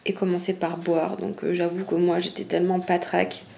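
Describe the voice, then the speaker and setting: A woman's voice: lowish voice, level tone, a little fast, vocal fry, mellow. A woman vlogger recounting things casually, in a candid and colloquial way. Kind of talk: casual chat, personal recounting. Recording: faint background noise.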